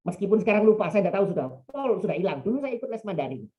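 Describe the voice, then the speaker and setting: A man's voice: high voice, big pitch swings, very fast, dark tone. A man in his thirties with an East Javanese accent, giving a chatty, digressive religious talk in a webinar. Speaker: preacher. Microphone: online call mic. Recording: dull lo-fi webinar audio.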